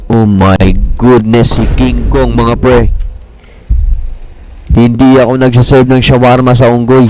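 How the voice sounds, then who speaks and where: Excitable Filipino man narrating gameplay. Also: mid-range voice, a little slow, slight background noise. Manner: excitable, talks to viewers as "mga pre". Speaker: gaming streamer. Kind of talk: casual gameplay commentary.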